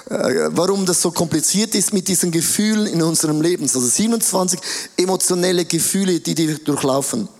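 A man preaching a sermon in an animated, playful way, acting out little scenes. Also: a little high, moderate pace. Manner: animated, playful, acts out quotes. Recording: reverberant hall.

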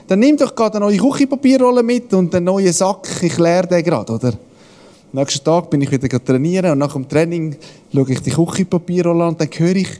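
A man's voice: sits high, a little mellow, long reverb tail. A man giving a casual devotional talk as a pastor, telling everyday stories with frequent chuckles. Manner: storytelling, chuckling often, acts out voices.

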